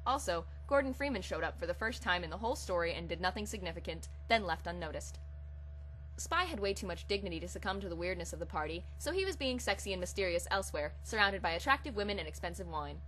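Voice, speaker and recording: Speaking fast and animatedly in a low, fairly bright voice, the host chats casually before launching into a dramatic reading of comic fan fiction. The audio is poor, with audible hum and hiss behind her.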